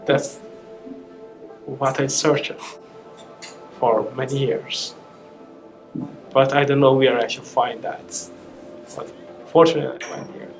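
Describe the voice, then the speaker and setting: A man gives halting personal testimony in a gravelly, fry-edged voice at an ordinary pitch. Music plays behind him. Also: steady tone, low-quality recording. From Afghanistan. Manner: halting, searching for words. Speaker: interviewee, asylum seeker.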